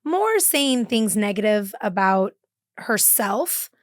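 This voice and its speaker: A woman's voice: medium pitch, sing-song, slow, no room sound, clean studio sound. A woman guest, a mother, chatting casually and agreeably about her daughter. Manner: agreeable, frequent affirmations and laughs. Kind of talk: casual chat.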